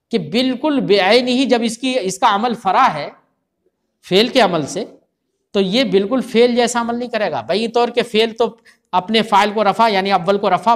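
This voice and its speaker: A man's voice: high-pitched, fairly bright tone. A man teaching grammar in a classroom lecture, often stopping to quiz his listeners. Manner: keeps quizzing listeners with rhetorical questions.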